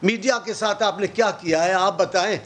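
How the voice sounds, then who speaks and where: Brief: man, high-pitched, heated opposition politician, sarcastic, rhetorical. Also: a bit bright. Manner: impassioned, sarcastic, fires rhetorical questions. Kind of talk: political talk show debate.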